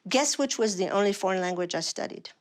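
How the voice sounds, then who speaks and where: A woman's voice: mid-range voice, lively intonation, fast talker. An American woman with a foreign-sounding, French-like accent, earnestly explaining her condition in a TV news interview. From United States. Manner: earnest, explaining carefully with repetitions.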